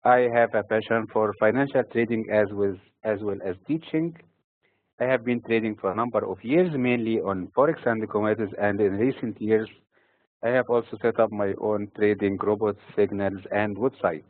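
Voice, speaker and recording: A man from Egypt giving scripted financial market commentary in a steady, formal delivery. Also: fairly low pitch, normal speed, dry recording. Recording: tinny phone-like recording.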